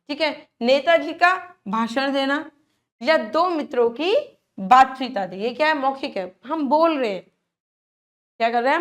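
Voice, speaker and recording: A woman with a high voice teaching young students. She poses questions and answers them herself, checking in after each point. She stretches out vowel sounds to show how long they take to say. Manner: addresses children, asks and answers own questions, repeats with "theek hai"; draws out vowel sounds to demonstrate. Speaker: school teacher. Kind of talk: classroom grammar lesson.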